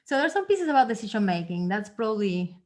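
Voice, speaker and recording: A woman's voice: mid-range voice, big pitch swings, quick pace. A woman trainer explaining ideas on a video call in a chatty, playful way with light asides. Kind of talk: casual explanation on a group call.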